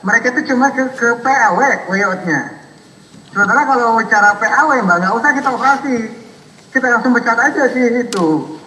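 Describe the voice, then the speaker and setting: A man on a recorded phone call, played back over loudspeakers, insistent and repeating himself, humming along as he listens. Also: very high voice, lively intonation, brisk, a little hiss or hum. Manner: insistent, repeats words, many hums of assent. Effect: recorded phone call played over courtroom loudspeakers. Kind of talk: casual phone conversation. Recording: echoey hall audio played from far off.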